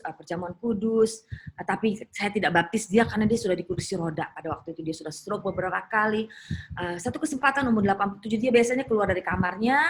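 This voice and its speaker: Middle-aged woman preacher, brisk and animated, telling a personal story to a women's group on a video call, with a light hiss underneath. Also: medium pitch. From Indonesia. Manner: fast, animated storytelling with restarts and fillers. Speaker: guest speaker at a women's church gathering. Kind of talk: personal testimony sermon.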